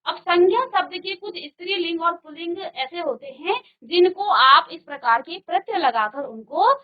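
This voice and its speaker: Woman teacher, high voice, unhurried, patient drills of word pairs, slightly dull studio sound. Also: expressive. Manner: slow, patient, repeats word pairs and asks rhetorical questions. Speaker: Hindi teacher. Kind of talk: virtual classroom grammar lesson.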